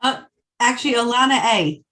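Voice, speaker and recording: A woman's voice: fairly high pitch, animated, a little fast, sharp tone. A woman from Long Island, New York, hosting an online meetup over a video call and playfully walking the group through an icebreaker. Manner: playful, explains the game step by step. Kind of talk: casual group facilitation.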